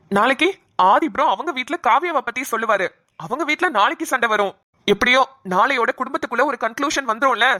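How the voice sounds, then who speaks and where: A woman's voice: a little high, sharp tone, dry recording, studio quality. A woman voicing a young male doctor in a cartoon, pushy and demanding as he presses his girlfriend for an answer. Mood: insistent. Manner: pushy, demanding, rapid questioning. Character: young man, insistent doctor pressing for marriage. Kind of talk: cartoon voice acting.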